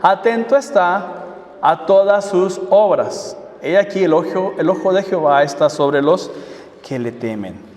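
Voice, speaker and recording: A man with a high-pitched voice preaches a sermon, firing rhetorical questions at the congregation. His voice rings through a large echoey hall with a long reverb, picked up from a distance. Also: lively intonation, measured pace, a little mellow. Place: church hall.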